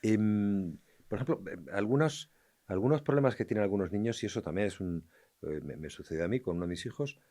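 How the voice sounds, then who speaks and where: Deep-voiced man hosting. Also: fairly quick, mellow. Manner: hesitant, asks questions with fillers. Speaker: podcast host. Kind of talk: interview conversation.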